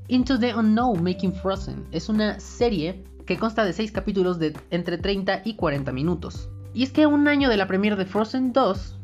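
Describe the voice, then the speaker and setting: A woman's voice: medium pitch, darkish tone. A woman host presenting recommendations in a semi-scripted, chatty and emphatic way, with informal asides. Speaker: host recommending movies and series. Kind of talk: casual scripted review, listing recommendations. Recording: dull lo-fi audio with background music. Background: music.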